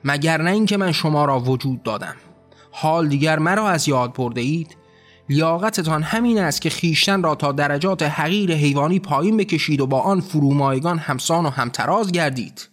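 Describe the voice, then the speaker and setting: A man's voice: a little high, faint music behind, natural voice. A man voicing a wrathful, ranting male god who bellows scornful tirades in a storybook reading. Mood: raging.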